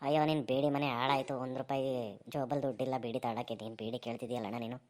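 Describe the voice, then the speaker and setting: Woman doing cartoon village guy, deep voice, fast and grumbly. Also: little pitch movement, a little mellow. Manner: rapid rustic dialect, exasperated. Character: grumbling broke village man.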